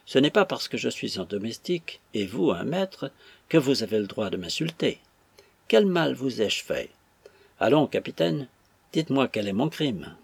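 A man's voice: mid-range voice, very animated, moderate pace, vocal fry, breathy edge, no echo, heavily acted. A man doing a whiny young servant. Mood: whining, indignant. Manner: whining, tearful protest. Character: whiny young male servant, touchy, self-pitying.

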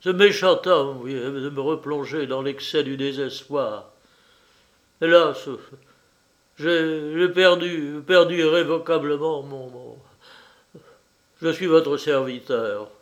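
A man's voice: a little high, takes it slowly, long pauses. A man reading as a grave, sorrowful tall stranger. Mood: despairing. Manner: earnest, sighing, grave. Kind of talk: audiobook character voice.

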